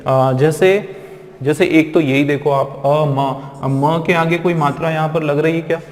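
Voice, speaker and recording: A man's voice: on the high side, steady tone, a little slow. A man teaching a spoken English lesson, explaining step by step and often asking his students questions. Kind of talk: classroom lesson explaining pronunciation. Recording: echoey room with long reverb.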